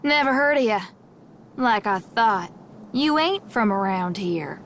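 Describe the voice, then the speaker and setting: An actress playing a gruff, wary young gunslinger in a video game, stubborn and world-weary, with a blunt, folksy Southern US drawl. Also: female voice, mid-range voice, lively intonation, slow pace, a bit bright, a little hiss or hum. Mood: guarded, blunt. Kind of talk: video game character acting.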